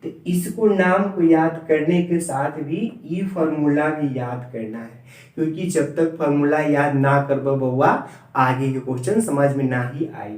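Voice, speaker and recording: A man's voice: a little high, steady tone, unhurried, a little mellow. A man teaching a classroom maths lesson, repeating and spelling out terms letter by letter for his students. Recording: echoey room, voice far from mic.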